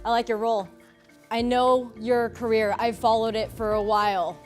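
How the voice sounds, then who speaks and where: A woman's voice: on the high side, level tone, normal speed, soft background music. A woman playing a theatrical, grandstanding lawyer in improvised comedy. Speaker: opposing attorney in improvised comedy courtroom.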